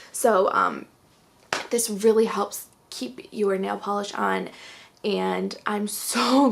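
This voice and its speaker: Breathless woman with a gravelly fry. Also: mid-range voice. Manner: chatty, fillers like "um" and "like". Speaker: beauty vlogger. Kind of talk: casual product review.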